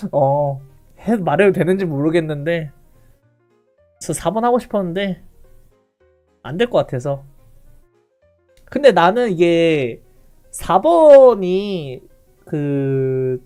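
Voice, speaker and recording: A man's voice: high-pitched, a little mellow. A man in his twenties chatting casually on a live stream, rambling and hesitant and laughing often, with faint music behind him.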